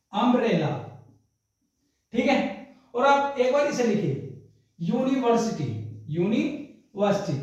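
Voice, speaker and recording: Man teaching grammar in a very echoey room. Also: extremely high pitch. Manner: repetitive, rhetorical questions to students; addresses students as "brother". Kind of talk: classroom grammar lesson. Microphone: distant microphone. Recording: very echoey room, far from mic.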